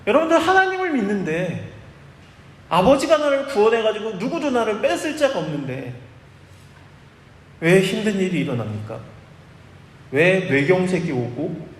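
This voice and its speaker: A pastor delivering an expository sermon, lively and acting out the quoted dialogue himself, recorded live in a church. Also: male voice, sits high, normal speed, long pauses, echoey room, in a large hall. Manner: animated, acts out quoted dialogue.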